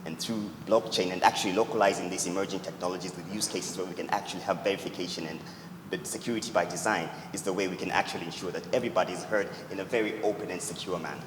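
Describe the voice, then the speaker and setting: A man from Tanzania, a startup founder, earnestly answering judges' questions at a pitch event. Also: fairly even intonation, racing, noisy background. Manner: earnest, repeats "actually" often. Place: event hall. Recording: echoey hall with loud ambience.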